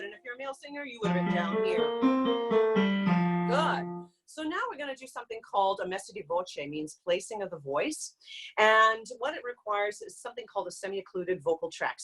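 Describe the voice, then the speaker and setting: A woman vocal coach leading a live online group singing lesson, explaining exercises and breaking into loud demonstration hoots and calls. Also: medium pitch, expressive, brisk, breathy edge, soft background music. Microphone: video call.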